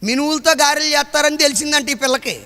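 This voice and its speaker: High-voiced preacher man, booming reverb. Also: gravelly. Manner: storytelling, then shouting climactic preaching with long drawn-out phrases. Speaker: pastor. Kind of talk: revival sermon. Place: large outdoor gathering.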